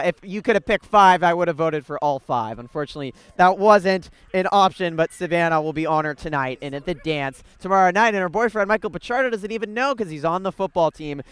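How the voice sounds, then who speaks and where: A man's voice: high voice, a little fast, few pauses, a bit bright, clean tone, no room sound. A young man doing live, chatty sports broadcast commentary from a set at a stadium, bantering with guests. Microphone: handheld broadcast mic.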